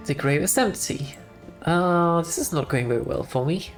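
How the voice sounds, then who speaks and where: A woman streaming a game playthrough, her voice low and lively in pitch as she chats with wry asides. She talks at an unhurried pace. Faint music plays under her voice.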